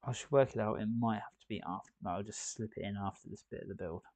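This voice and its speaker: A man's voice: fairly low pitch, fast talker, a little mellow. A man hosting a live building stream, chatting and thinking aloud as he works. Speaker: host.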